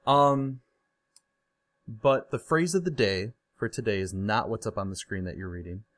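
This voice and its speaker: A man's voice: fairly low pitch, moderate pace, fairly bright tone. A man hosting a podcast, chatting casually in a loose, rambling way that keeps restarting. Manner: rambling, loose, self-interrupting. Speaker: podcast host.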